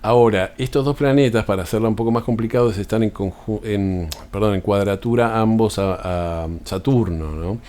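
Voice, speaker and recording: A man with an Argentine accent talks through astrology in a loose, unscripted way. His voice sits fairly low. He stumbles and restarts phrases often and keeps checking in with short tag questions. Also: normal speed, hardly any pauses, dark tone. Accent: Argentine Spanish. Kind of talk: unscripted explanatory talk.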